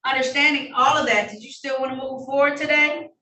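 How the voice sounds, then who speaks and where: A woman judge running formal hearings, brisk and polite, heard in a courtroom recording. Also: high-pitched, fairly even intonation, pushed and bright. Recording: echoey room heard from a distance, faint noise.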